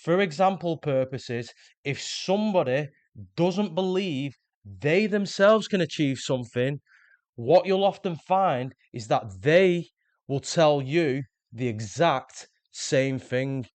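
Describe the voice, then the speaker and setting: A man's voice: fairly high pitch, animated, takes it slowly, a little mellow, no echo. A man, earnestly explaining self-improvement ideas in a scripted motivational monologue. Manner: earnest, explanatory, repeats words when restarting. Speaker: self-improvement video host.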